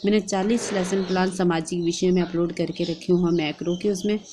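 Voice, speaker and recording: A woman with a Hindi accent explaining a lesson plan step by step in a steady, instructive way, as a teacher-training vlogger. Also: on the low side, a little fast, background noise. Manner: steady instructive delivery, reading out and dictating.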